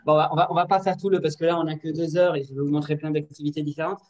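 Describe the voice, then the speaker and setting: Lively woman leading an online workshop. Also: deep voice, rapid-fire, highs cut off. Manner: lively, directive, many fillers and checks. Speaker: teacher trainer. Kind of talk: online workshop on classroom activities. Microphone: computer mic on a video call. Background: building works next door.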